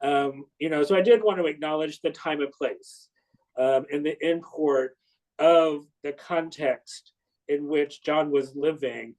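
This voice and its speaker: A man in his sixties interviewing, who speaks haltingly with many fillers and restarts. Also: fairly high pitch, a little mellow, low-quality recording. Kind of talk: conversational interview.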